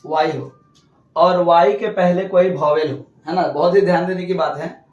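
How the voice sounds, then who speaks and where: A man's voice: high voice, steady tone, normal speed, roomy sound, recorded from a distance, dull audio. A male teacher explaining English grammar rules, asking questions and answering them himself. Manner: repeats rules, asks and answers own questions. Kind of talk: classroom lesson.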